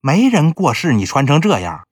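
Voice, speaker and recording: A man's voice: on the high side, wildly swooping pitch, husky, no echo, studio quality, exaggerated voice. Man putting on a nosy older woman broker. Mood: teasing. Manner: brisk, nosy, teasing. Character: shrewd chatty older woman slave broker. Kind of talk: storytelling with character voices.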